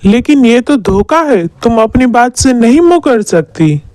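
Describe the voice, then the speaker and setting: A woman's voice: on the high side, expressive, unhurried, darkish tone, no echo. A woman voicing a worried young village boy who pleads anxiously in a cartoon.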